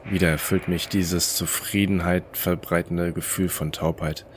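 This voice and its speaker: Male narrator, very low voice, calm first-person storytelling, faint hiss. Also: moderate pace.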